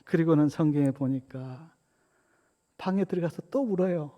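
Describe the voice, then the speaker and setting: A man's voice: fairly high pitch, moderate pace, highs cut off. A male pastor giving a storytelling sermon, retelling scripture with acted-out quotes. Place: church sanctuary. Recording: long church hall reverb.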